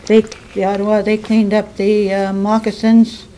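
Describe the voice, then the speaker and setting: A woman giving an informal museum tour as guide, calm and explanatory, pausing to find her words. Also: medium pitch. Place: inside a small museum. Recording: noisy on-location recording, varying distance from mic.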